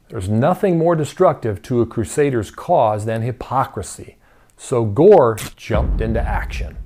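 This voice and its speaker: A man's voice: medium pitch, darkish tone. A man giving scripted opinion narration in a sarcastic tone, with pointed rhetorical questions. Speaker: commentary narrator.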